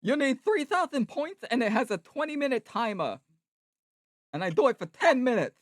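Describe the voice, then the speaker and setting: Brief: cheery male clown, sing-song host patter, swooping pitch. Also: big pitch swings, normal speed. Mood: chirpy. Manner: sing-song showman greeting. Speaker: streamer and voice actor.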